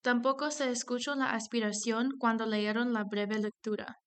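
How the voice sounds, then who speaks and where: A young woman in her twenties, a student presenter, reads a scripted explanation carefully and slows down on example words. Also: a little high, steady tone, a bit bright, smooth. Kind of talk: scripted educational narration.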